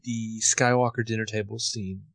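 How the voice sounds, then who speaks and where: A man's voice: fairly low pitch, steady tone, moderate pace, no room sound, low-quality recording. A man co-hosting a casual film discussion, informal and opinionated. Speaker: podcast co-host.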